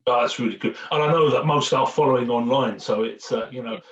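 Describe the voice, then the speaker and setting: A man with a mid-range voice talks fast while hosting an informal fan Q&A. He's chatty and jokey, rambling and repeating phrases, and the recording sounds muffled, echoey and distant.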